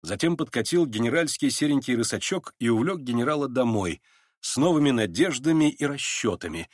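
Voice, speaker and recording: A man narrating an audiobook of a classic novel in a dramatic, expressive reading. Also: medium pitch, fairly quick, no room sound, studio quality. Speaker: audiobook reader.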